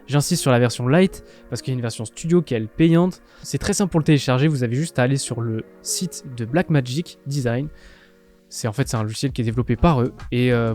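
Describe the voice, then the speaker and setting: A man from France talking casually through a step-by-step software tutorial, with lots of filler sounds. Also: mid-range voice. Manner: chatty, many filler "euh" and "bah". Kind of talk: casual screen-recorded tutorial.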